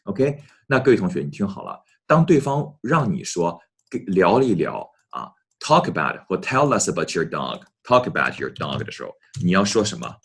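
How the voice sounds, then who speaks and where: A man with a very low, husky voice teaches English. His pitch moves a lot as he talks to his students. He slows down to repeat phrases clearly. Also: sing-song. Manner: repeats phrases slowly, addresses students often. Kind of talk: online English lesson.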